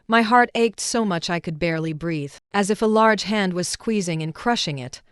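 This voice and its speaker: Smooth, steady woman narrator. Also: lowish voice, dry recording, clean studio sound. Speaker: story narrator. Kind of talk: scripted first-person narration.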